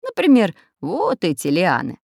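A woman voicing a calm, learned elderly male professor who lectures. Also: lowish voice, measured pace, vocal fry, dry recording, studio quality, exaggerated voice. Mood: lecturing.

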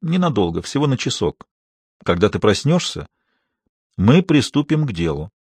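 A man reading an audiobook, voicing a calm, coldly menacing male captor who speaks in measured, clipped phrases. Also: medium pitch, breathy edge, no room sound, studio quality.

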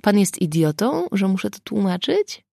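A brash, arrogant male prosecutor barks his reprimands in a loud, raised voice, as a woman reading an audiobook puts him on. The tone is gravelly and swoops around a lot. The sound is dry and close. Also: on the low side, big pitch swings, unhurried, no echo, full character voice. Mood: angry.

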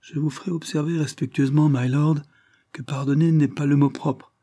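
A man's voice: lowish voice, fairly even intonation, normal speed, warm tone, close to an everyday voice. A man reading a bold, biting tenant. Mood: insistent. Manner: respectful yet biting, nearly imperious. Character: deferential but bold male tenant seeking a lease.

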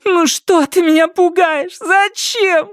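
A man putting on a high, flustered young woman. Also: very animated, unhurried, dry recording, studio quality. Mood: tearful, panicky. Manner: high, whiny, tearful pleading. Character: flighty, panicky young woman singer. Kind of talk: audiobook character voice.

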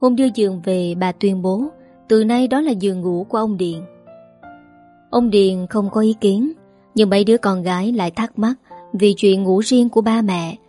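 A woman narrating a family story in a steady, even storytelling manner. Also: mid-range voice, moderate pace. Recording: dry close mic, faint music.

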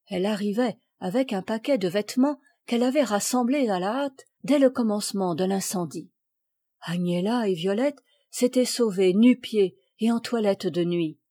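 Mellow-voiced woman reading a fairy tale. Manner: acts out the characters' cries with raised pitch and volume. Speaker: audiobook reader. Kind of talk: scripted narration of a classic children's tale.

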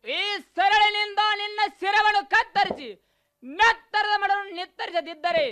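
A man's voice: extremely high pitch, unhurried, bright, forceful tone, exaggerated voice. A man voicing a proud young warrior prince in a mythological radio play, declaiming in rhythmic heroic verse. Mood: boastful.

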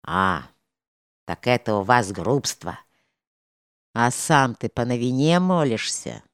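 A grim monk in chains, as a woman reader puts him on, speaking in a very deep, firm, sober voice. His lines come slow and gloomy. The storybook reading is dry and close. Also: very animated, no echo, exaggerated voice. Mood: stern grim. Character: stern red-haired male monk, grim ex-soldier in chains.

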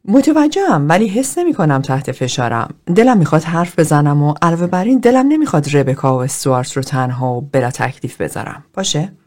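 Earnest man opening up to a therapy group, read by a woman, measured, mellow and low. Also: expressive. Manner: confessional, measured storytelling.

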